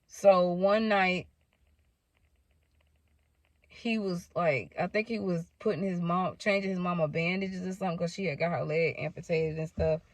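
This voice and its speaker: A woman's voice: fairly low pitch, steady tone, moderate pace, no room sound. A woman telling a personal story to her viewers in a casual, candid way, swearing freely and speaking straight to them. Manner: candid, profane, addresses viewers directly. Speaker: storytime vlogger.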